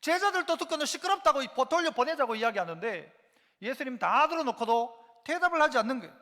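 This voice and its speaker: A man's voice: very high-pitched, fast. A man, a pastor preaching a Sunday sermon and quizzing his congregation with rhetorical questions. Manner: animated, asks the congregation frequent rhetorical questions. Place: church sanctuary. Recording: long church hall reverb.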